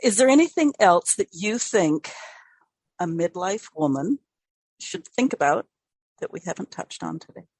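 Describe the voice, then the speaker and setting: Older lady podcast host, lowish voice, dry close sound, friendly and upbeat. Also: big pitch swings, a little slow, a little mellow, husky, no room sound. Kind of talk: podcast interview hosting.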